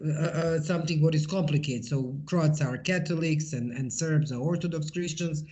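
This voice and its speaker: A woman's voice: low-pitched, moderate pace, warm tone. A middle-aged woman with a Bosnian accent giving a personal interview account, hesitant and often searching for words. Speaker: interviewee, interfaith peace-building activist.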